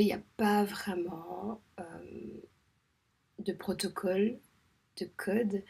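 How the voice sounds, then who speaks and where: A woman from Réunion, a home midwife, talking in a soft, measured way that often drops to a half-whisper, with frequent hesitations. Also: mid-range voice, vocal fry, husky. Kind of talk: reflective spoken monologue.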